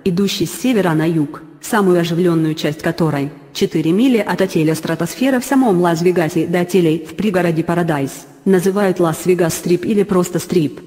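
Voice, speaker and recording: A text-to-speech robot voice reading an encyclopedia article aloud, with even, mechanical delivery that reads bracket notes out as words. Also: mid-range voice, in a large hall.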